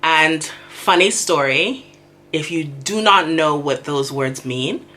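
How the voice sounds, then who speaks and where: A woman's voice: low-pitched, slow pace, bright, forceful tone. A young woman hosting her podcast in a chatty, self-deprecating way. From The Bahamas. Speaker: podcast host. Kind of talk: casual solo podcast chat.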